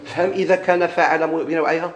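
A man with a Moroccan Arabic accent teaching a classroom grammar lesson. He keeps quizzing his students and slowly draws out each example word. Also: a little high, fairly even intonation, echoey room.

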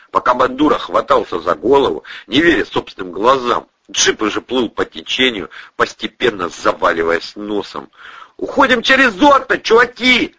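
A man with a husky voice narrating an audiobook expressively, voicing every character himself, in a dull, dry recording. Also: on the low side, pushed and bright, dry recording.

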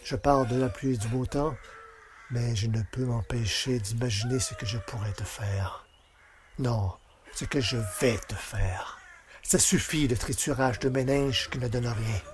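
For a French audio drama, a male actor with a natural, mid-range voice plays a bitter, vengeful village carpenter. He delivers a brooding, menacing monologue at a measured pace, with slight background noise.

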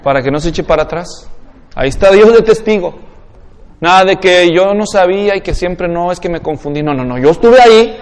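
A man's voice: high voice, lively intonation, brisk, in a large hall. A man with a Mexican accent preaching an expository sermon in a conversational way, often asking the congregation questions. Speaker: pastor.

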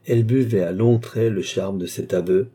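Male audiobook narrator, low dark voice, a bit husky, measured read. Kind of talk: audiobook narration of a classic novel.

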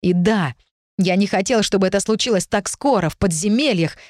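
A woman voicing a young prince who speaks softly and haltingly, earnest and pleading. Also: medium pitch, no echo, clean studio sound, lightly acted. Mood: tender. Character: young man, a stubborn prince, gentle and earnest.

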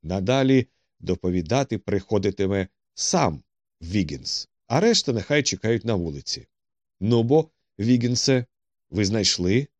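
A man's voice: on the low side, expressive, unhurried, no room sound. A man voicing a cool, dry-witted male detective who speaks tersely and with command.

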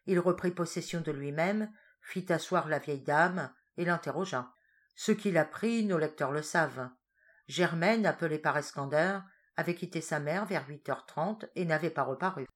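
A woman's voice: low voice, moderate pace. A woman reading a novel aloud as an audiobook narrator, voicing the dialogue with lift. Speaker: audiobook reader. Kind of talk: scripted narration.

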